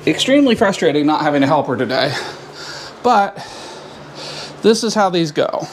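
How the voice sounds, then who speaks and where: A man's voice: fairly high pitch, big pitch swings, moderate pace, a little hiss or hum. A man talking to the camera while working in a cramped attic, short of breath and muttering in bursts. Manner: talks in bursts between physical work, muttering frustration. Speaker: home DIY vlogger. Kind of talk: casual narration while working.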